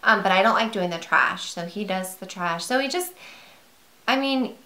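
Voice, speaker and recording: A woman talks casually to her viewers in a bright, ringing voice. She rambles a little, with fillers and restarts, as she chats from home. The room gives her voice a noticeable echo. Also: medium pitch, expressive, moderate pace. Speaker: vlogger. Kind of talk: casual chat to camera. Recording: roomy echo.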